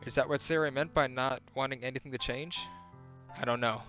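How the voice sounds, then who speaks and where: A young male streamer reads a visual novel aloud in a casual, self-correcting way, stopping to redo lines for emphasis. His voice has a middling pitch and comes through dull, lo-fi audio with faint game music underneath. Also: steady tone, a little fast, fairly bright tone.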